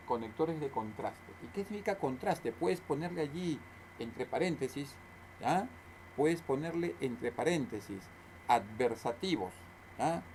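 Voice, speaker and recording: A man's voice: on the high side, darkish tone, slight background noise. A male teacher, explaining a lesson aloud in a recorded class, repeating points and asking questions he then answers himself.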